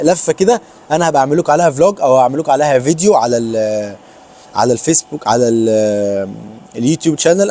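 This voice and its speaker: Young Egyptian man vlogging, very fast delivery, dark mellow tone, slightly high voice. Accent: Egyptian Arabic. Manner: rapid, animated, mixes English words into Arabic. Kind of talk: casual advice vlog.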